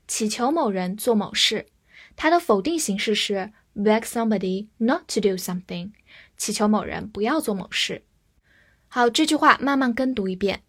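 A woman teaching English vocabulary in a structured lesson, spelling words letter by letter and reading example sentences slowly for learners to repeat. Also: mid-range voice. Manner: clear, deliberate, spells words letter by letter and reads slowly for repetition.

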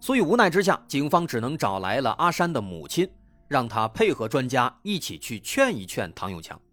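A man narrates a true-crime story as the show's host. His pitch swings widely, rising and falling to build drama, around a medium pitch. Faint music runs underneath. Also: big pitch swings, brisk, a bit bright, no room sound.

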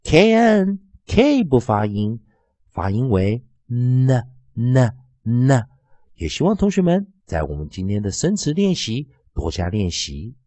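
Male phonics teacher, drawn-out repetitions, dry close sound, mellow tone. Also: no echo. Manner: very lively, sing-song pitch. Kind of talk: classroom-style phonics lesson.

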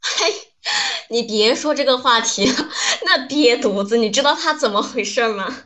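A woman's voice: a little high, animated, moderate pace. A woman acting a brash, tough young woman who rants bluntly and indignantly in a comedy skit. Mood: ranting. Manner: blunt, loud-mouthed, indignant ranting.

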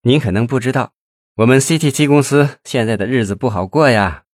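A man voicing a confident, blunt businesswoman who teases her host with sharp, mocking frankness. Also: mid-range voice, brisk, no room sound, studio quality, natural voice. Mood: impatient. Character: confident businesswoman, company chairwoman, teasing and blunt.

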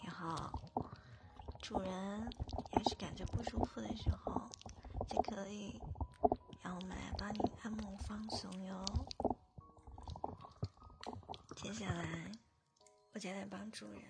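An attentive, coaxing maid in an ASMR role-play, acted by a woman. She moves between soft-spoken and soft medium-pitched speech in a soothing way. Loud noise and clicks surround the voice. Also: steady tone, measured pace, gravelly, pauses often. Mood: gentle, reassuring. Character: attentive, coaxing maid sister massaging her master.

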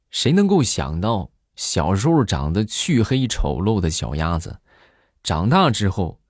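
A man's voice: low voice, dry recording, studio quality. A middle-aged man hosting a joke show, telling funny stories in a monologue and acting out the voices in them. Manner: animated storyteller who acts out quoted voices.

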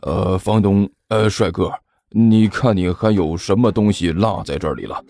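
A man voicing a tired, put-upon male master who talks slowly and sighs in an audiobook. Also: a little mellow, soft background music. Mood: weary. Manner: slow, sighing, low-key. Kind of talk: audiobook character voice.

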